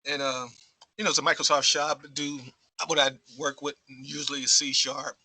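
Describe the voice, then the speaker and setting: A man's voice: fairly high pitch, little pitch movement, moderate pace, bright, forceful tone, slightly rough, dry recording, low-quality recording. A man on a video call, talking hesitantly with many fillers while eating lunch. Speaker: developer at a clerk's office. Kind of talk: casual chat.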